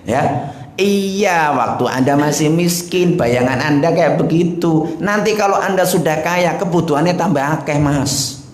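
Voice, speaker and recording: A man's voice: fairly high pitch, unhurried, reverberant. A man preaching a sermon, telling a moral story with rhetorical questions and frequent asides to the audience. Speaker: Islamic preacher.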